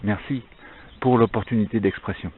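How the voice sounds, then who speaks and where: Speaking at a moderate pace with fairly even intonation, this lower-pitched man vlogs his visit, addressing viewers in an emphatic, improvised monologue full of repeated phrases. His voice bounces off a stone arcade, the audio is dull and narrow, and slight background noise is present.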